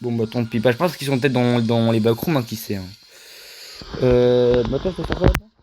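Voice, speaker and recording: Young man, gaming commentary, excitable, stammering, mid-pitched voice, faint noise with clicks. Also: fairly quick, rough recording. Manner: excitable, stammering, addresses viewers as "les gars". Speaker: gaming video creator. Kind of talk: casual gameplay commentary.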